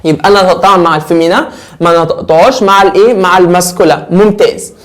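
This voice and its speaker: Lively Egyptian man teaching French. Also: high voice, fast. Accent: Egyptian Arabic. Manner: lively, repeats words and asks the class questions. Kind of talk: casual classroom lesson.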